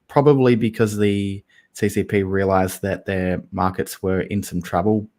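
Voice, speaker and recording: Deep-voiced man musing on markets. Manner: thoughtful, hedging with "I guess" and "kind of". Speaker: podcast co-host. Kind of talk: casual investing podcast talk.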